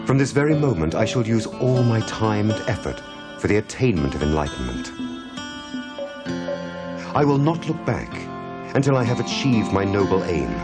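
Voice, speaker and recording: An actor playing a calm, resolute prince turned ascetic, speaking formal, measured lines in an animated film. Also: male voice, fairly low pitch. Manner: solemn, formal, measured declarations.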